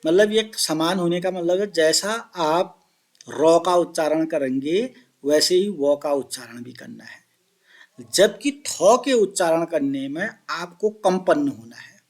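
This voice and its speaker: Male Sanskrit teacher, light high voice, measured unhurried delivery, drills words by repetition, quizzes the class. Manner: repeats and chants Sanskrit words slowly, asks pupils questions; addresses listeners as children. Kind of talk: classroom explanation of Sanskrit phonetics.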